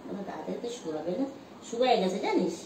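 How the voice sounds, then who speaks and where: A woman's voice: mid-range voice, animated, fast. A woman talks to her pet dogs outdoors, coaxing and scolding them by turns. Her voice sits mid-range and comes from a distance, recorded on a phone, with plenty of noise and a roomy echo around it. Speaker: vlogger caring for stray dogs. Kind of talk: casual chat with pets. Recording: roomy, off-mic phone audio with loud background noise.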